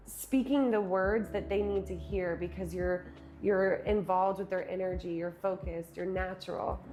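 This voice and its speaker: A woman speaking as an interview guest, reflecting earnestly on her work as a speaker and retreat host, sometimes speeding up and sometimes slowing down. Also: mid-range voice, a little mellow. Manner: earnest, with quick and slow stretches, laughs easily.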